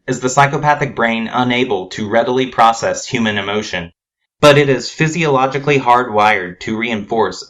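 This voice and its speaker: A man narrating a scripted spoken essay in a measured, formal, grave manner. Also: medium pitch, fairly bright tone.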